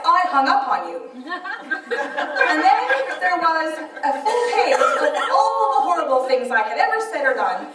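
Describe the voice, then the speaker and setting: A woman speaker sharing a personal testimony in an animated, laughing storytelling manner. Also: sits high. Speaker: author and speaker. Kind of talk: personal testimony at a church event. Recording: echoey hall, mic far off.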